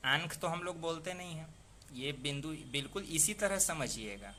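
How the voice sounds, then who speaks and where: A man's voice: on the high side, lively intonation, normal speed, bright, forceful tone, a little hiss or hum. A man teaching a spoken lesson on pronunciation and spelling, patiently explaining, repeating words aloud and asking the listener questions. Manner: asks the listener rhetorical questions. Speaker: Hindi language teacher.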